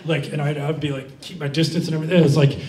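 A man's voice: a little high, little pitch movement, racing, darkish tone, slight background noise. A young man from Vermont answering audience questions at a library talk, full of fillers and restarts. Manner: rambling, many fillers and restarts. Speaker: guest speaker. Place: library event room. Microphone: handheld mic. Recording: roomy sound from far off.

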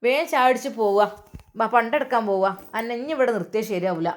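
A woman's voice: on the high side, animated, natural voice. A woman doing a fussing old mother. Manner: hurried, fussing, affectionate.

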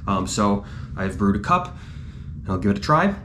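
Chatty low-voiced man vlogging. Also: big pitch swings, normal speed, fairly bright tone, slight background noise. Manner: chatty and self-deprecating. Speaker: running vlogger. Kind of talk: casual vlog chat.

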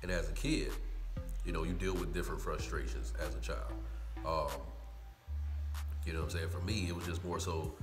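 Low-voiced guy telling a chill story while he eats, roomy echo, music playing behind. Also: fairly even intonation, normal speed, long pauses. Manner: laid-back, colloquial, repeats "you know what I'm saying". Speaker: mukbang host.

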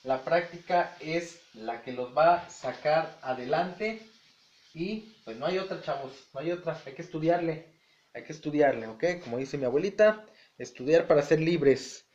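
A man's voice: fairly high pitch, normal speed, darkish tone. A man teaching an exam-prep lesson in a chatty way, repeating words and checking in with "ok?". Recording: echoey room, dull lo-fi sound.

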